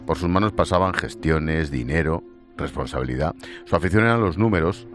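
A man with an extremely low, deep voice narrates a scripted piece and then talks casually with his guest, calling him mate. Music plays softly under him throughout. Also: animated, fairly quick. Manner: informal with guest, calls him macho and tío. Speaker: radio host.

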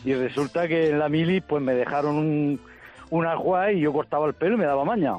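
A man with a Murcian Spanish accent, calling in to a radio show and telling an animated anecdote, acting out the voices of the people in it. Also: on the high side, a little fast, lo-fi sound, soft background music. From Murcia, Spain. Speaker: caller. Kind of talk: phone-in storytelling.

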